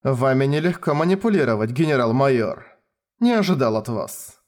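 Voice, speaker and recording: A man's voice: medium pitch, lightly acted. Man reading an icy, composed colonel. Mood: calm. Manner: calm, icy, measured. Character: cold, composed male colonel, schemer.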